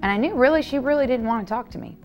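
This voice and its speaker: A woman's voice: fairly high pitch, lively intonation, racing, lo-fi sound, soft background music. A woman news reporter telling her story in a documentary interview, earnest and repeating words when stressing a point.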